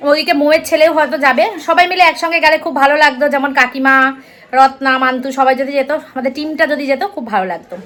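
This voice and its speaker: A woman's voice: high voice, rapid-fire, a bit bright. A middle-aged woman from West Bengal with a Kolkata Bengali accent, chatting casually to her viewers in a home vlog from her kitchen, repeating herself often. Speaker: vlogger.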